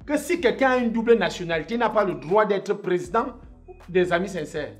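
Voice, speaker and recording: A man's voice: high-pitched, lively intonation, brisk, soft background music. A man acting as an association president in a comedy sketch, hesitant and stammering as he talks.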